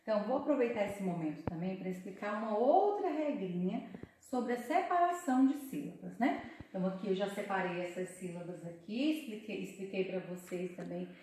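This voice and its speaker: A woman teaching a Portuguese lesson for children, sounding out words slowly syllable by syllable. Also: medium pitch, lively intonation, mellow, very echoey, distant mic, a little hiss or hum. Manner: slow, syllable-by-syllable explaining.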